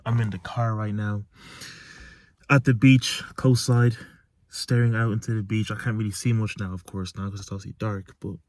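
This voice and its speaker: Recorded in a car parked at night, a young self-improvement vlogger delivers a reflective motivational monologue. His fairly low, slightly mellow voice is earnest and emphatic, he repeats key phrases, and there's no room sound.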